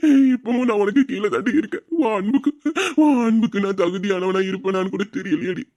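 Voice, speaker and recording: Guy doing a crying sorry husband in an audio drama, high-pitched but mellow, laughing through tears, dull lo-fi recording. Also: steady tone, brisk, lightly acted. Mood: sobbing. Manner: sobbing, pleading, voice breaking between laughs and tears. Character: remorseful husband, weeping over his devoted wife.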